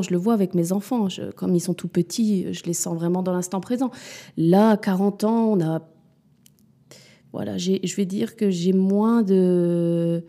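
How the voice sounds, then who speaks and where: A warm, fairly low-pitched woman in her forties, a mother who runs her own business, answers interview questions candidly. She sounds hesitant and reflective, with plenty of fillers and restarts.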